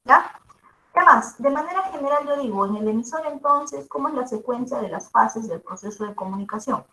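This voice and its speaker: A woman's voice: fairly high pitch, lively intonation, a little fast, bright, forceful tone, a little hiss or hum. A woman teacher with a mezzo-soprano voice gives a classroom lecture, checking in with her students after each point. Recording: echoey room.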